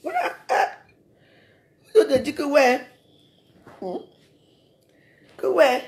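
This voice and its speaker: A woman's voice: high voice, expressive, drawn-out words, vocal fry, a little mellow. Woman, live video rant, confrontational, scolding, repeated rhetorical questions. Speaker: social media personality.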